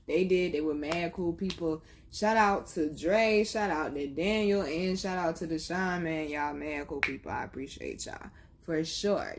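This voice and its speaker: A woman's voice: fairly low pitch, a little hiss or hum. A young woman telling a blunt, profane story in a casual vlog. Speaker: vlogger.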